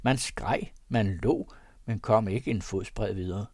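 A man reading an old first-person tale aloud, theatrical and swinging between loud exclaims and hushed asides. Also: lowish voice, slightly rough, no room sound, clean studio sound. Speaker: audiobook reader.

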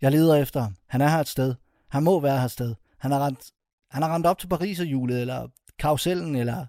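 A tense young man hiding his panic, voiced by a male reader in a storybook. He speaks in quick, urgent reassurances, a little higher and brighter than the narration. The recording sounds close and dry. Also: no echo, close to an everyday voice.

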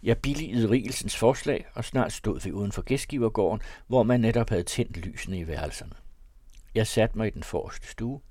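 A man narrates a classic novel in a measured, old-fashioned storytelling manner. His voice is on the low side, and the recording is close and completely dry. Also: mellow, dry recording. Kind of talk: scripted narration.

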